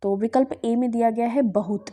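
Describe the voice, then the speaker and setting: Her voice is fairly high and dark-toned, with fairly even intonation and a moderate pace. This Bihari woman from India goes over old exam questions in Hindi grammar, answering her own questions as she explains and frequently saying "ठीक है".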